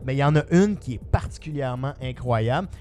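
A man's voice: mid-range voice, animated, fast, dark tone, a little hiss or hum. A man with a Quebec French accent, reviewing a video game in casual panel chat, enthusiastic and full of fillers.

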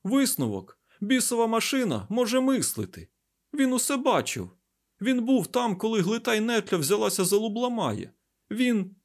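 A man voicing an agitated male scientist in an audiobook, loud and urgent. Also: high voice, lively intonation, normal speed, voice pushed up. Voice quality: loud, raised, breathless urgency. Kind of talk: audiobook character voice.

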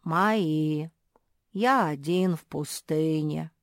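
A woman's voice: deep voice, drawn-out words, dry recording, studio quality, exaggerated voice. A woman voicing a tired, resigned male heap of rags in a children's story. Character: weary male rag heap, resigned outcast.

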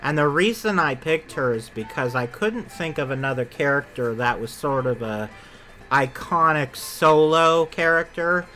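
Male podcast co-host, bright voice, loose rambling chat, faint music bed. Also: a little high, lively intonation, a little slow. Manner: chatty, rambling, self-correcting. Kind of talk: casual chat about theme park attractions.

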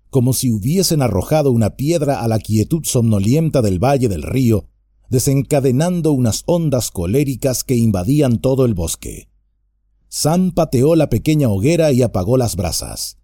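A man narrating an audiobook with expressive storytelling. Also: medium pitch, breathy edge, dry recording, clean studio sound.

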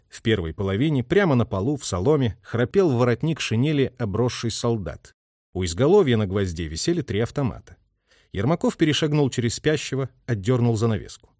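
A man narrating an audiobook in an even, steady reading voice. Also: medium pitch, no room sound, clean studio sound. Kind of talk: scripted narration.

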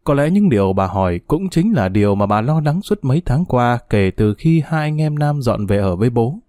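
A man narrating a story in a calm, even storytelling voice. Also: mid-range voice, moderate pace, dry recording, studio quality.

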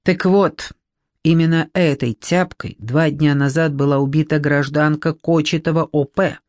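A woman's voice: fairly low pitch, a little slow, no echo. A woman voicing a stern blonde female police investigator in an audiobook, cold and pressing as she accuses. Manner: cold, pressing, hissing at times.

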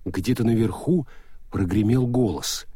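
Man narrating, slightly husky. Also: on the low side, a little slow, warm tone, no echo, studio quality. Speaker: audiobook narrator. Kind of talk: scripted narration.

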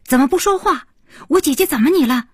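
A woman's voice: medium pitch, big pitch swings, a little fast, husky, no room sound, clean studio sound. A woman voicing an anxious young man who fires off urgent questions over the phone in an audiobook. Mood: frantic.

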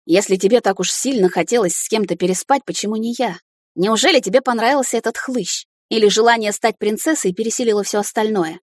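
A man's voice: high voice, brisk, no room sound, clean studio sound. A woman voicing a jealous, sulky young male mage who talks in a reproachful, brooding way. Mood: accusing.

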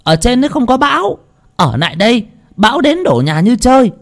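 A man doing a shrill shouting old village woman. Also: big pitch swings, a little fast, heavily acted. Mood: urgent shouting. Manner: shouting, high-pitched, urgent. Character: loud anxious old village woman neighbor.

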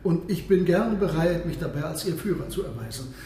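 An actor playing a proud, world-weary submarine captain in a radio play, speaking formally and with grand declamation. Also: male voice, fairly high pitch, animated, brisk, warm tone, lightly acted. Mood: proud, courteous. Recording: echoey room, background noise.

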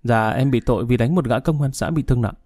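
A man's voice: mid-range voice, fast talker, a little mellow, dry recording, studio quality, soft background music, close to an everyday voice. A man voicing a timid, deferential young male inmate telling how he ended up in jail. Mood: explaining. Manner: humble, apologetic.

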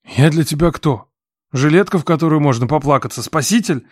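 A rough, drunk young man growls and demands answers in a low, hoarse voice, as a woman reader puts him on. The audiobook sound is dry and close, with no room around it. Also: animated, moderate pace, darkish tone, no room sound, exaggerated voice. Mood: angry pleading. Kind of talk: audiobook reading.

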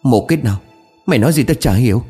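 A man voicing a distraught, hot-tempered village father who stammers and rushes his angry words. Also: mid-range voice, animated, mellow, slightly rough, faint music behind, voice pushed up.

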